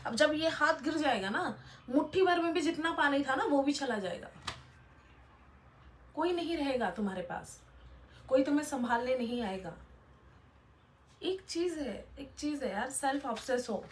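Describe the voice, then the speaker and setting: A woman's voice: sits high, lively intonation, moderate pace, long pauses, a little hiss or hum. A young woman vlogger giving blunt, lecturing motivational advice, talking straight to her viewers. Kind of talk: motivational casual talk to camera.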